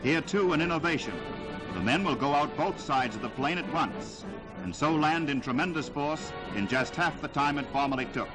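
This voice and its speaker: A man's voice: on the high side, lively intonation, moderate pace, low-quality recording. A man narrating a 1940s wartime newsreel in a dramatic, declamatory delivery, heard on an old newsreel soundtrack. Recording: loud music score underneath.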